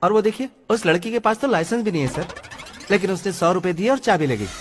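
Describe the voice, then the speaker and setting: A man's voice: high-pitched, animated, fast, slight background noise. A man dubbing an earnest young hero who pleads and explains himself in a Hindi film.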